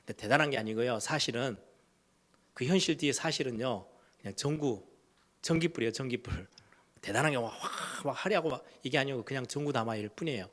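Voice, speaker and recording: A middle-aged man, a pastor, preaching a sermon in a storytelling way, swinging between loud emphatic lines and hushed low ones. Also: a little fast. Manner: storytelling, acts out quoted voices of kids and parents.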